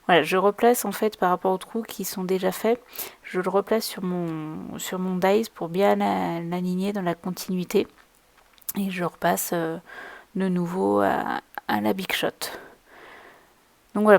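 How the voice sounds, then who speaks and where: A woman casually explaining her crafting as she works, with many pauses, fillers and restarts. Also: mid-range voice, vocal fry, darkish tone, no echo. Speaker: crafting vlogger. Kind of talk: casual tutorial narration while crafting. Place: at a craft table indoors.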